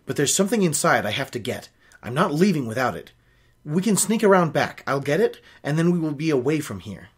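This young adult host of a book-reading show has a fairly high, husky, sing-song voice and talks fairly fast. Sitting in a small home office, he reads from a novel and breaks off to nitpick and share his opinions.

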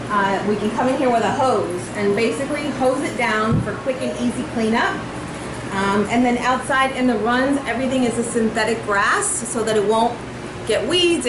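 A woman's voice: a little high, noisy background. A woman in her forties, a rescue volunteer administrator, chatting enthusiastically while giving a tour of a small kennel. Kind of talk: on-camera interview and tour. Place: small indoor kennel room. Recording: echoey room with music under it.

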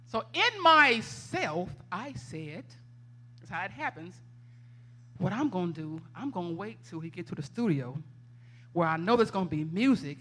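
A woman, preaching a lively, laughing testimony in a church. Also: on the high side. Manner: animated, laughing storyteller, conversational. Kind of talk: testimony sermon. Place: church sanctuary.

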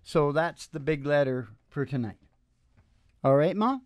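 A man in his sixties, a musician hosting a show from a small indoor stage with a curtain, speaks in a fairly high, expressive voice at an unhurried pace. His banter is rambling, folksy and laid-back, meandering into asides that trail off, while acoustic guitar picking plays live behind him. The close stand mic gives a dry, clean studio sound.

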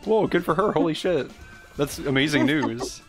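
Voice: mid-range voice, expressive, normal speed. A streamer chatting casually and swearing while playing a video game. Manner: swearing, joking, reacting to gameplay. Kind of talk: casual gaming chat. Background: faint game music.

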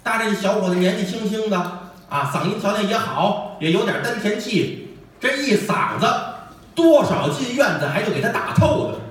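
Lively Beijing-accented comic storyteller. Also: male voice, high-pitched, normal speed. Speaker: comedian. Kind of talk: solo crosstalk storytelling. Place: theater stage. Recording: echoey stage audio from far off.

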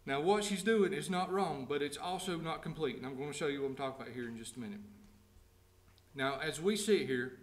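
A man delivering a sermon in a church sanctuary, his fairly high voice ringing off the walls of a reverberant room. He reads scripture at a slow, measured pace, then retells it in plain everyday words and puts direct questions to the congregation. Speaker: pastor.

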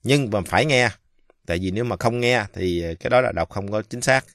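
A man from Vietnam giving a casual pronunciation lesson, speaking slowly and haltingly with many fillers and drawing out the example words. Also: lowish voice, fairly bright tone, no echo. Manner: slow, halting, many fillers, repeats French words drawn out. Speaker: French teacher.

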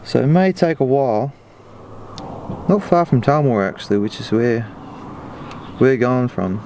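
A man's voice: mid-range voice, normal speed, mellow. A young Australian man chatting casually in a car, joking and swearing bluntly. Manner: jokey and blunt, swears freely. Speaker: co-host. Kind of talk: casual vlog chat. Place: car interior. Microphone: action camera. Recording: faint car noise.

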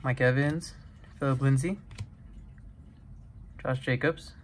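A young man casually vlogging a card break, reading out player names and getting excited over good pulls. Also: mid-range voice, slow, a little hiss or hum. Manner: excitable, chatty, reads player names off cards one by one. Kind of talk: casual card-opening vlog.

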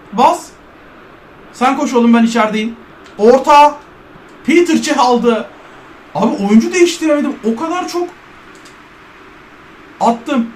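A man commentating his own football video game match in Turkish-accented speech, calling passes play by play and shouting at scoring chances. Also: very high-pitched, roomy sound. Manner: play-by-play calls, shouting at chances, urging "bas bas". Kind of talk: excited self-commentary while playing.

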